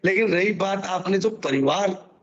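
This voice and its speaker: A man's voice: high-pitched, a little slow, a bit bright. A man joining a live TV panel debate over a remote call whose audio keeps breaking up, arguing his point over the anchor. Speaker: political debate guest. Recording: muffled, distant call line.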